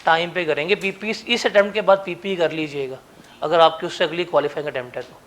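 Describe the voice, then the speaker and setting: A man's voice: fairly high pitch, fast, fairly bright tone. A male teacher, teasing and coaxing his students to come up to the board during a classroom lecture.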